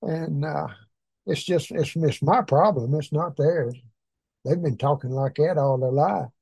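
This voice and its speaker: Male preacher, Arkansas drawl, folksy and joking, husky mellow voice, fairly high for a man, dry sound. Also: unhurried, no room sound. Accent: Arkansas Southern US. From Arkansas, southern United States. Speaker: preacher leading a prayer meeting. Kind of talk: folksy informal talk to a congregation.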